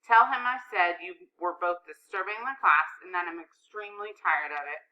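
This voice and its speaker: A woman doing a brisk no-nonsense teacher. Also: on the low side, pushed and bright, highs cut off. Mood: stern. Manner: brisk, sarcastic. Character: sharp no-nonsense female schoolteacher.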